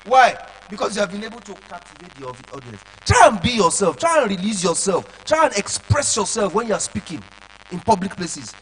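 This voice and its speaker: A man lecturing children on public speaking, animated and checking often that they follow along. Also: high-pitched, fairly quick, slight background noise, low-quality recording.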